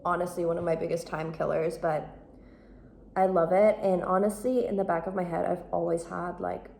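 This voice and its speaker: A woman's voice: on the low side, flat delivery, normal speed, creaky, a little mellow. Woman, casual home vlog, rambling self-deprecating chat, phone held away from her face, faint background noise. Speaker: vlogger and photographer. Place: at home, indoors. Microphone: phone held by the speaker. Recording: roomy, distant phone audio with faint noise.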